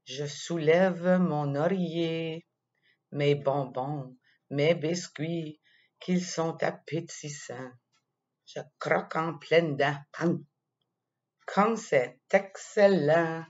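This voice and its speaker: A woman with a Quebec French accent tells a playful children's story at an unhurried pace. Her voice sits on the lower side and stays expressive. The sound is dull and lo-fi. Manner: playful, slow and expressive, with little laughs.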